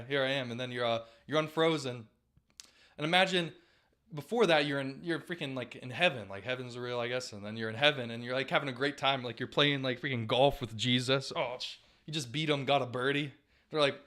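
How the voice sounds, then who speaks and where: A young man performing a rambling stand-up comedy bit, breaking into silly voices. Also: medium pitch. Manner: rambling, loud, slips into silly character voices. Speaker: stand-up comic.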